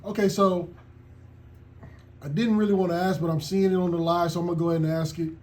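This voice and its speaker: A male radio host putting a question to his guest, loud and emphatic, with quick words of agreement. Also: high-pitched, steady tone. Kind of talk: interview questions and short affirmations.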